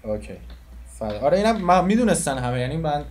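A man interviewing a rapper in a relaxed, agreeable, chatty way. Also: on the high side, a crowd in the background. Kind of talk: casual interview chat.

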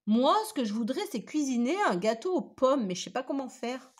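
A woman voicing a gentle, clumsy, good-natured male wolf in a storybook reading, in a lively, slightly raised voice. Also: high voice, a little fast, slight background noise, voice pushed up. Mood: hopeful.

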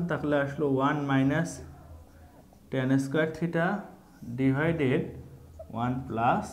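A man's voice: on the high side, darkish tone, reverberant. A man with a Bangladeshi Bengali accent, an online math instructor, explaining a proof step by step and mixing English math terms into his talk.

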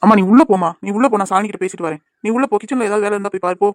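A woman voicing a gentle, patient young man in a cartoon, soothing and reassuring the people around him. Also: medium pitch, dry recording, close to an everyday voice. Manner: soothing, reassuring, quick talking. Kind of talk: cartoon voice acting.

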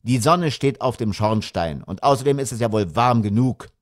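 An irritable middle-aged father, played by a male audiobook reader, grumbling and indignant, with lively shifts in pitch. The sound is dry and close. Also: moderate pace, no echo, natural voice. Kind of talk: audiobook character reading.

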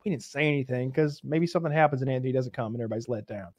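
A man's voice: mid-range voice, very fast, no room sound. A man co-hosting a podcast, telling a rambling story with lots of restarts. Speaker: podcast co-host. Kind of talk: casual chat.

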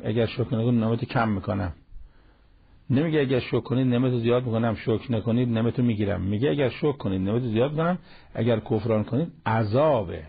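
A man's voice: medium pitch, husky. A man giving a Quran commentary lesson, explaining each phrase and repeating key words for emphasis. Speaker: Quran teacher. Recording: dull lo-fi broadcast audio.

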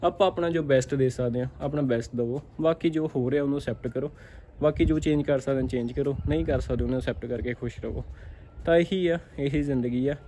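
Speaking to camera in a casual motivational talk, this Punjabi-accented dairy farmer keeps repeating points and asking "theek aa". He talks briskly in a dark, mid-range voice, with slight background noise.

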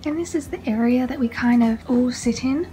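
Chatty young woman, high voice. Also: brisk, dark tone, faint music behind. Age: young adult. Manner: chatty, explains things like a tour guide. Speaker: vlogger and community theatre cast member. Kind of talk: casual vlog chat. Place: backstage of a small theatre, indoors.

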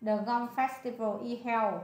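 A woman's voice: on the high side, fairly even intonation, a little slow, a little mellow, slight background noise. A woman with a Vietnamese accent tutoring a student in English, coaxing and repeating the answers. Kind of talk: one-on-one tutoring session. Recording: echoey room.

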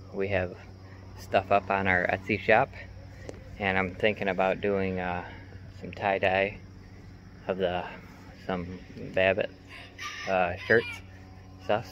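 Low-voiced young man vlogging outdoors. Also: lo-fi sound, noisy background. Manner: relaxed, rambling with fillers. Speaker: farm vlogger. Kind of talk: casual vlog chat. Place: outdoors on a farm by a chicken coop. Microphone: phone camera at arm's length.

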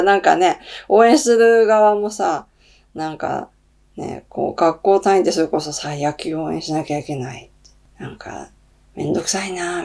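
A woman's voice: mid-range voice, darkish tone. A middle-aged woman hosting her own channel, reading tarot cards and chatting casually, thinking aloud with many fillers. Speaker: tarot reader and channel host. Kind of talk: casual solo talk.

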